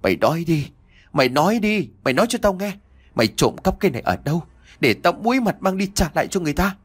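An elderly village scholar shouts and trembles with rage at a wayward son, as a male narrator puts him on. His raised voice shakes and gasps, with a husky grain and wide swings in pitch. It belongs to a spoken audiobook tale. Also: big pitch swings, quick pace, exaggerated voice. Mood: furious. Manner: trembling, scolding, breathless with rage. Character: elderly village scholar father, proud and furious.

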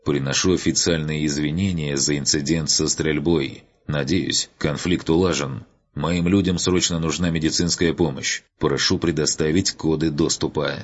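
A man's voice: very deep voice, fairly even intonation, normal speed, lo-fi sound. A man voicing a composed young male officer giving a formal military report in an audiobook.

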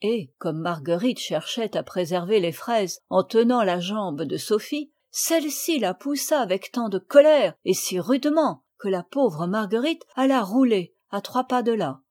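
A woman narrating a children's classic as an audiobook, with a clear, expressive reading. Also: medium pitch, a little slow, few pauses. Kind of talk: storybook reading.

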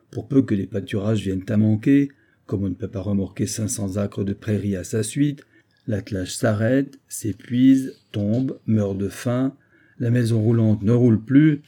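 A confident, methodical engineer from an audiobook, voiced by a man. He explains point by point in a measured, persuasive way, his tone dark and slightly husky. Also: mid-range voice, lightly acted. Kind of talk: audiobook character reading.

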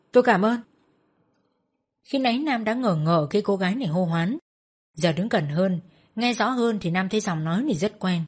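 Woman reading a story aloud, husky. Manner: lively dialogue, raises pitch for characters. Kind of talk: audiobook narration with character voices.

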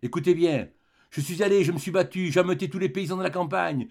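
Man, audiobook reader, literary narration, slightly high voice, gravelly texture. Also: fast, darkish tone.

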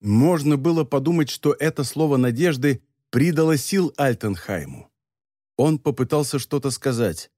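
A man's voice: medium pitch, animated, moderate pace, a little mellow, no echo, clean studio sound. Man narrating a dramatic adventure audiobook.

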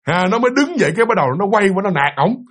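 A man telling a ghost story in casual spoken style, animated and addressing his listeners directly. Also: high-pitched, very fast.

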